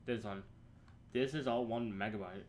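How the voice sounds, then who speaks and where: A young man casually thinking aloud and answering chat on a live coding stream, halting and rambling as he works. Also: lowish voice, darkish tone, a little hiss or hum. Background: keyboard typing.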